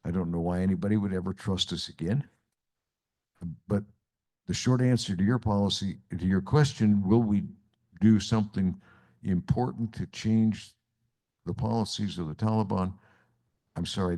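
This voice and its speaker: An older man with a low, mellow voice answers a question on a discussion panel. He speaks in a measured, blunt way and sounds regretful. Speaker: retired ambassador, panelist.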